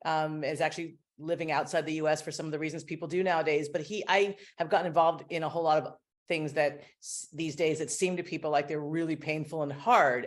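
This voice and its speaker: Thoughtful speaker on a video call. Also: medium pitch. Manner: thoughtful, hedging with many fillers. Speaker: guest sharing reflections. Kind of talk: casual video call conversation.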